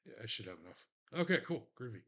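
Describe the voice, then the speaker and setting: A man's voice: medium pitch, big pitch swings, fast talker, bright, forceful tone, husky. A man with a Texan accent chatting casually while he sews leather on a stream, rambling, swearing freely and poking fun at himself. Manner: rambling, profane, self-mocking. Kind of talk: casual crafting stream chat.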